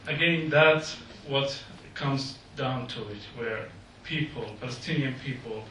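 In an echoey meeting hall, a Jordanian speaker gives an earnest public speech in halting non-native English. His mid-range voice comes across pushed and bright. A little hiss or hum accompanies the distant mic.

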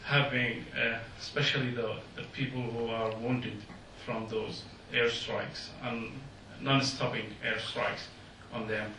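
A man's voice: medium pitch, level tone, recorded from a distance, noisy background. Earnest man speaking in an echoey hall. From Jordan. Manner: earnest, halting non-native English. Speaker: speaker at a public meeting. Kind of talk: public speech. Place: meeting hall.

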